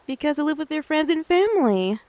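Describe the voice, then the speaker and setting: A woman playing a gentle, doting mother in a soft-spoken ASMR role-play, soothing and coaxing as she talks to the listener like a small child. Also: high voice, big pitch swings, a little fast, dry recording. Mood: tender. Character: gentle doting mother taking her little one out. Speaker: ASMR creator.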